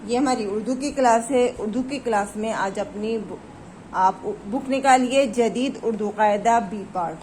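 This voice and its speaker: Woman, online children's teacher, slow drawn-out recitation, fairly high voice, faint background noise. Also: darkish tone, low-quality recording. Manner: slow, drawn-out letter recitation for repeating along; mixes English words into teaching. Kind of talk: online reading lesson for children.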